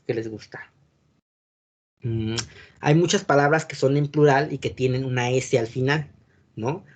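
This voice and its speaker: A man's voice: medium pitch, darkish tone, muffled recording. A man with a Mexican Spanish accent lecturing a class as a teacher, explaining step by step and often checking whether the students are following. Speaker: wine course teacher.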